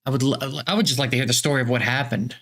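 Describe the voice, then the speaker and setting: A man's voice: medium pitch, fairly even intonation, very fast, fairly bright tone. A man hosting a comedy show, reading fake tweets aloud in a bemused way with stammering restarts.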